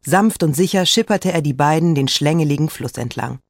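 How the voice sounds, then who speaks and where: A storyteller reading a children's story aloud in a lively, expressive way, slowing down for emphasis. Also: mid-range voice, dry recording, studio quality. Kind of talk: scripted children's story narration.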